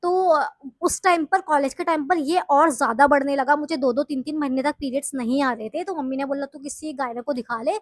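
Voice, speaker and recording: A woman's voice: high voice, a little fast, no room sound, clean studio sound. A young woman from the hills of northern India telling her story to viewers in a chatty, confessional way. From Uttarakhand hills, India. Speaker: vlogger. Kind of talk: casual storytelling to camera.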